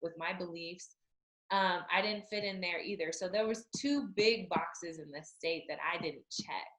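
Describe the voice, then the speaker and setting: A woman's voice: on the low side, moderate pace, a bit bright. Woman from utah chatting about her life, open and reflective, lots of "you know", roomy echo. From Utah, United States. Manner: candid and reflective, many "you know" fillers. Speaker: author and guest. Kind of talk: conversational interview.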